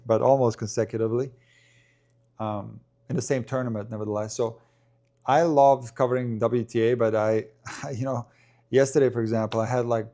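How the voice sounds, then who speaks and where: A man's voice: mid-range voice, mellow. A man hosting a casual tennis live stream who talks loosely with many ums and restarts while answering viewer questions.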